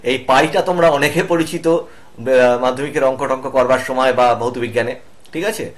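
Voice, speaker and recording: A man's voice: mid-range voice, fairly even intonation. A middle-aged man teaching an online lesson, patiently naming each symbol one by one. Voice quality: patient, explanatory, spells out each symbol slowly.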